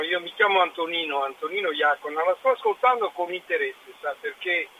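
A man phoning in to a radio show on speakerphone, telling a lively anecdote in a chatty way. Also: on the high side, a little hiss or hum. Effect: on speakerphone over a phone line. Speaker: caller. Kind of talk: phone-in chat, telling an anecdote. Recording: dull phone line, speakerphone.

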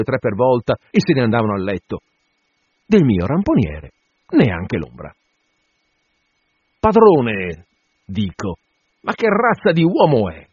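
Male audiobook narrator, husky and lively, first-person storytelling, dry lo-fi sound. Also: medium pitch, no echo. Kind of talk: audiobook reading of a classic novel. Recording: dull lo-fi dry recording.

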